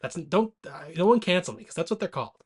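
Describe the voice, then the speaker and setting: On a movie podcast, this co-host chats casually, loose, rowdy, and irreverent, a little tipsy after a couple of beers. His husky voice sits high and comes out fast and very animated.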